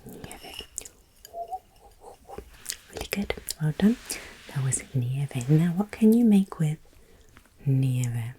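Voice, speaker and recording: A woman whispering softly as she teaches a Spanish lesson, slowly repeating words for practice while she shapes putty. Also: low-pitched, expressive, slight background noise. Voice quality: mostly whispering. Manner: shaping putty while talking. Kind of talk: whispered ASMR language lesson.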